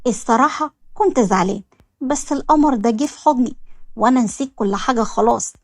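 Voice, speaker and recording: A man's voice: extremely high pitch, fast talker, dry recording, studio quality. A woman with an Egyptian accent voicing an anxious, devoted young husband who talks tenderly and pleads.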